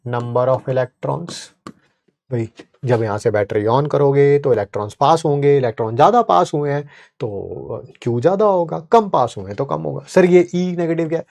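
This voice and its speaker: A male chemistry teacher giving a lively, conversational lecture, mixing English terms and checking in with students often. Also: mid-range voice, normal speed, creaky.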